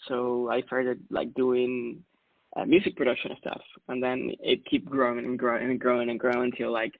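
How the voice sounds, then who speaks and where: In a casual interview, a thirties-aged music producer from Ecuador tells his story in a relaxed, chatty way, with lots of fillers and frequent quick laughs. His medium-pitched voice has a gravelly edge, and the sound is dry, echo-free, and narrow like a phone line.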